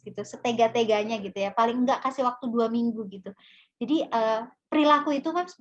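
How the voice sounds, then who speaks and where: Young female psychologist, chatty and filler-heavy, slightly higher voice, lo-fi video call. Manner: casual, many fillers and restarts; acts out mother and child lines. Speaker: psychologist guest speaker. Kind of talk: parenting webinar talk.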